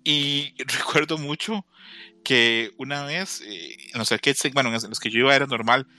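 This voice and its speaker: A man's voice: medium pitch, moderate pace, bright, forceful tone, no room sound, faint music behind. A man in his thirties with a Mexican accent, telling stories in casual chat. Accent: Mexican Spanish. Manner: storytelling, mimics voices with laughter. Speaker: podcast co-host.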